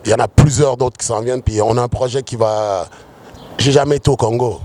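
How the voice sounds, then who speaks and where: A man's voice: mid-range voice, brisk, warm tone. Rapper guy in his 40s, easygoing and rambling, tosses in english slang, street interview. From United States, raised in Quebec. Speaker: rapper guest. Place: outdoors on a city street.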